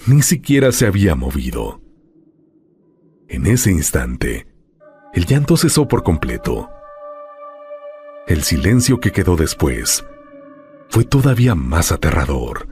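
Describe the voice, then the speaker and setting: A man reading a scripted horror story, slowing down and dropping his voice on the ominous phrases. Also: low-pitched, a little mellow, a little hiss or hum.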